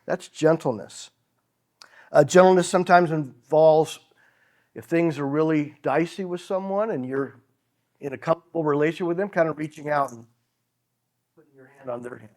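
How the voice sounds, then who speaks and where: A man's voice: fairly high pitch, moderate pace, pauses often, darkish tone. A middle-aged man preaching a conversational sermon, chuckling as he acts out example phrases.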